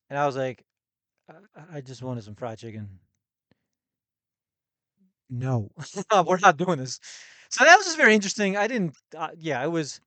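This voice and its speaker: Young american man, casual travel storytelling, slightly high voice, dry close sound. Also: fairly bright tone, dry recording. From United States. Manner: rambling, self-correcting, laughs between thoughts. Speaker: podcast host.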